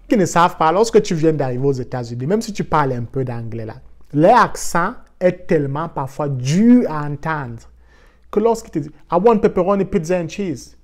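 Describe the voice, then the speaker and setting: Man from Africa telling a casual story. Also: fairly high pitch. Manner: lively, mixes in English words. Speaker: vlogger.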